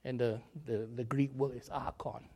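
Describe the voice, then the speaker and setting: A man with a medium-pitched voice, raspy and hoarse after a cold, preaches at an ordinary speed. The sermon is energetic and chatty, full of self-mocking humor and extended storytelling.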